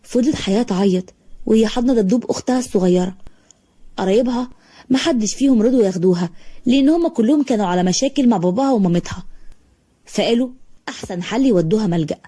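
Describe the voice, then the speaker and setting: Egyptian woman storyteller, quick, warm, slightly high. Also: animated. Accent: Egyptian Arabic. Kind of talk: scripted story narration.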